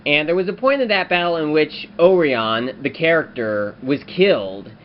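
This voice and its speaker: A man talking through a toy review in a casual, rambling way, often pausing on fillers. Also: on the high side, expressive, dull audio, slight background noise. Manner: rambling, frequent filler pauses.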